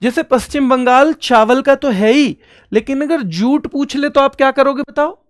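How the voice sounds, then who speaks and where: A male teacher with a very high voice runs an online exam-prep lesson at normal speed, quizzing students and fondly calling them son and brother. He answers his own questions and drills each answer by repeating it several times. The recording is dry and close, with no room sound.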